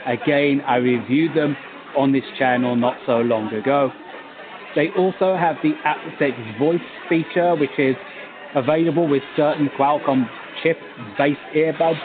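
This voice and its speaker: A man's voice: medium pitch, measured pace, music in the background. Man through a tinny bluetooth earbud mic. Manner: chatty, thinking aloud, with small laughs. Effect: heard through a bluetooth earbud mic on a call. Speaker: tech reviewer. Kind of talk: casual product review talk. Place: busy coffee shop, indoors.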